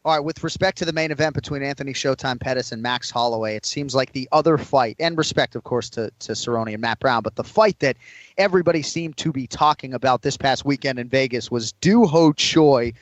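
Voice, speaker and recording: A man hosting a casual sports podcast, relaxed, reading out betting odds and swearing now and then. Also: mid-range voice, a little fast, dry recording. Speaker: podcast host.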